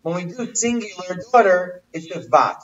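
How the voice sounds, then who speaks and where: A man with a high voice leads a casual language lesson. He keeps quizzing his listeners and repeating the same questions. He sounds set back from the mic, and the audio is dull and muffled. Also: expressive, normal speed. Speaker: teacher. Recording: distant, muffled livestream audio.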